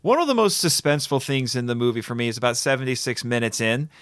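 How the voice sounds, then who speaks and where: A man hosting a podcast, chatting casually and eagerly about films, talking in quick bursts with small laughs. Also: mid-range voice, sing-song, a bit bright, no echo, studio quality. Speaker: podcast host.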